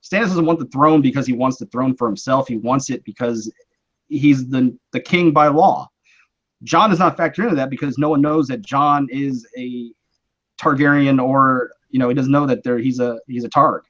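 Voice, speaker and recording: A man's voice: medium pitch, normal speed, a bit bright. Rambling man on a muffled live stream. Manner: conversational, rambling explanations with many restarts. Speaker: host. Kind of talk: casual live-stream chat.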